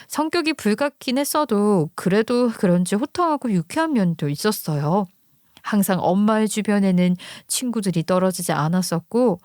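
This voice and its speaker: A woman narrating a listener's true story in the first person, calm and recounting. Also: medium pitch, dry recording, studio quality.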